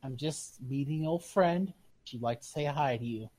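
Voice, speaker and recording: A woman's voice: extremely low pitch, moderate pace, mellow, slightly rough, no room sound. A woman voicing a friendly male adventurer reassuring his buddy. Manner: easygoing, reassuring.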